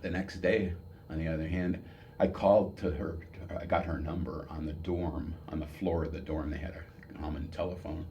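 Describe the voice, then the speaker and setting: Male, 70s, American. Old veteran reminiscing in oral-history interview; deep, soft-edged tone, unhurried searching delivery with repeats, faintly noisy recording. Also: fairly even intonation, dull audio. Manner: halting, reminiscing, with pauses and repeated words. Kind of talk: old veteran remembering, unscripted personal storytelling.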